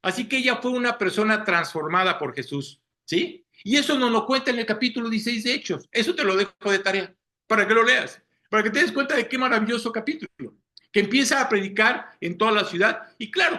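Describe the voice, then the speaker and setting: A man's voice: high voice, lively intonation, fairly quick, pushed and bright. A man preaching a Sunday sermon, often checking in with the congregation with rhetorical questions. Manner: asks listeners rhetorical questions, frequent "¿sí?".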